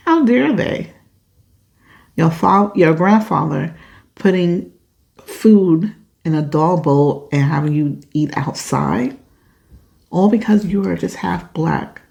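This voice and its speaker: Woman podcast host reading a listener letter, slow and gravelly, outspoken, low and mellow voice, emphatic. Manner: emphatic, outspoken, swears when upset.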